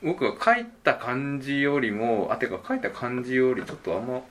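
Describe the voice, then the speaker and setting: A man's voice: mid-range voice, big pitch swings, fairly quick, a bit bright. A man co-hosting a casual podcast, telling a story in a rambling, hesitant way and laughing often. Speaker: podcast navigator, copywriter.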